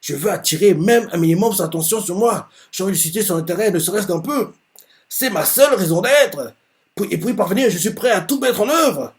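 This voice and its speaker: Man reading out a proud, intense young male wizard, pitched up and fervent. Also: lively intonation, brisk. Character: arrogant young male wizard, devoted to his father.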